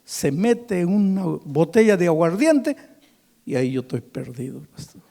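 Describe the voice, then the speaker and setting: A man voicing a drunk, ashamed man who pleads quietly through tears in a halting, broken way. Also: a little high, sing-song, gravelly, pitched above the performer's own voice, exaggerated voice. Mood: pleading. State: crying. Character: sobbing drunk middle-aged man, ashamed and desperate.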